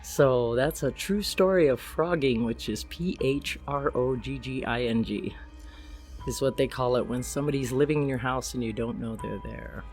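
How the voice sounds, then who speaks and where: A woman's voice: rumbling low, moderate pace, a little mellow, faint music behind. An older woman, a grandmother, telling a true story as a podcast guest, plainly acting out the quoted lines.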